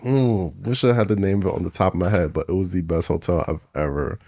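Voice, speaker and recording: Chill guy guesting on a podcast, kinda low voice, slangy and laughing, studio mic. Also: animated, fast, dark tone, no echo. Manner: laid-back, slangy, laughs often. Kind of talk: casual chat.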